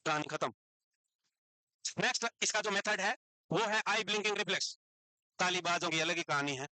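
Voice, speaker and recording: A man teaching a psychiatry class in speech, dictating notes slowly and teasing students about writing them down. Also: sits high, bright, forceful tone, dry recording, rough recording.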